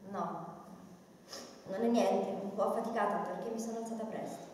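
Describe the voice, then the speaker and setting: A woman playing a gentle, stubborn young princess. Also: mid-range voice, moderate pace, a little hiss or hum, close to an everyday voice. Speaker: amateur stage actor. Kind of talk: theatre rehearsal acting. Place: large church hall. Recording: echoey church hall from far off.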